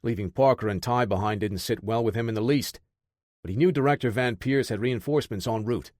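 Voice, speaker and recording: A man narrating an action thriller audiobook in a steady, dramatic way. His voice sits in a middling pitch, recorded dry and close. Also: a little fast, no echo. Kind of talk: scripted narration.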